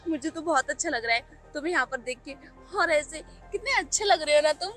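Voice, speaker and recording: A woman's voice: sits high, animated, fairly quick, fairly bright tone, soft background music. A young woman playing a poor, earnest young woman who reproaches her ex-boyfriend in a web skit. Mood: reproachful. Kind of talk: Hindi web skit acting.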